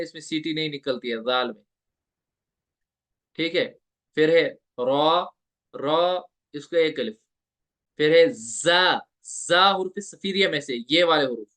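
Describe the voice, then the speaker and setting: Teaching recitation in an online lecture, a Tajweed teacher speaks in a higher voice that sounds pushed and bright. Patiently, he repeats himself, asks the listener questions, and draws out letter sounds for demonstration.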